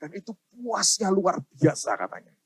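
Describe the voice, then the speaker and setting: A middle-aged man preaching a sermon, telling stories to the congregation with dramatic swings from hushed to loud. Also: high-pitched, wildly swooping pitch, moderate pace, slightly rough, no echo, studio quality. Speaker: pastor.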